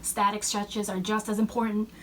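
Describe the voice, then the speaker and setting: A young woman fitness instructor cueing warm-up moves while she exercises, a little out of breath. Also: mid-range voice, flat delivery, normal speed. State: slightly out of breath. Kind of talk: workout instruction. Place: fitness center. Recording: distant mic with faint room noise.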